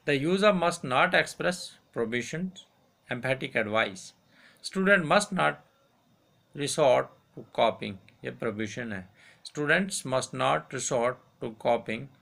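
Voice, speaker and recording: Gravelly male teacher dictating grammar. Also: medium pitch, animated, a bit bright. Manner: repeats each example sentence slowly, switches to Hindi to explain. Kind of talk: grammar lesson, read aloud and repeated.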